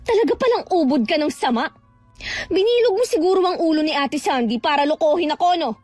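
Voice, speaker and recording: An actress with a high-sitting voice plays a furious young woman who worked abroad and was cheated out of her house. Animated and brisk, she angrily confronts her family, shouting accusations. There is no room sound, with faint music behind her.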